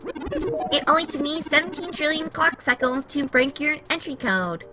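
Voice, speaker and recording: A woman's voice: high voice, lively intonation, normal speed, sharp tone, soft background music, voice pushed up, low-quality recording. A woman voicing a cute, fussy, know-it-all male robot, reading its game lines in a precise, matter-of-fact way. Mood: lecturing. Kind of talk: reading game dialogue aloud.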